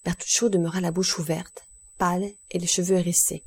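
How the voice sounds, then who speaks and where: A woman reading a classic novel aloud as an audiobook narrator, in clear, measured storytelling. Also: lowish voice, flat delivery, darkish tone. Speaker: audiobook reader. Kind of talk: scripted narration.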